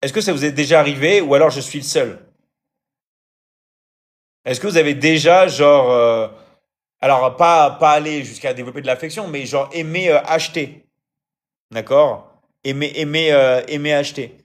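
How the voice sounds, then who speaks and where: A man's voice: on the high side, normal speed, long pauses. A man hosting a casual live stream, answering viewer comments in a hesitant way, with frequent fillers and restarts, and often checking in with his audience. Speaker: live-stream host and coach.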